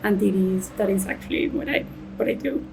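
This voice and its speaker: A woman scientist from Colombia, answering interview questions at an unhurried pace and restarting phrases as she goes. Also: medium pitch, vocal fry, darkish tone, a little hiss or hum, low-quality recording. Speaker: senior marine scientist.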